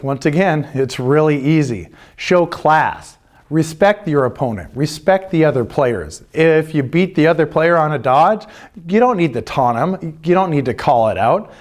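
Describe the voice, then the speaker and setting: In a slightly high voice, a middle-aged American youth lacrosse coach and club representative gives an instructional presentation of the club's rules. He's earnest and plain-spoken, repeating and stressing the key points.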